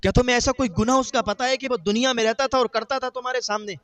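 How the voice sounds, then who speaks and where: High-voiced man telling a sermon story. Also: steady tone, a bit bright, no room sound. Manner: emotional storytelling, voices the grieving brother's words. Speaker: preacher.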